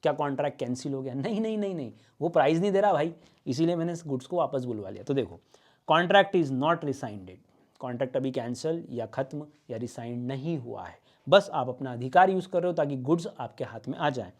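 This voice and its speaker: A man teaching a law lesson for an exam course. He mixes two languages, dictates definitions slowly, and asks and answers his own questions. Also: medium pitch, lively intonation. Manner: acts out short street-style dialogues. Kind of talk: online exam-prep lecture.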